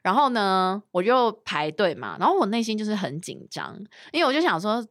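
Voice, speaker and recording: Lively woman telling a story in a dry room. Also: mid-range voice, brisk, no room sound. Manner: animated storytelling, mixing in English words. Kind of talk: casual chat.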